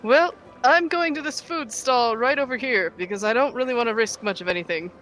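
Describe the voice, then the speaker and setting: A woman's voice: a little high, brisk, fairly bright tone. Casual woman player with music behind. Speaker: tabletop game player. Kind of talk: casual game chat.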